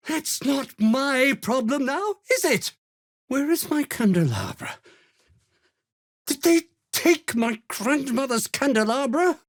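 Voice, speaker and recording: For a video game, a male actor gives a full character voice as a pompous, jittery, self-serving merchant with a British accent. His very high voice sounds haughty and indignant but falters nervously. The clean studio sound has no echo.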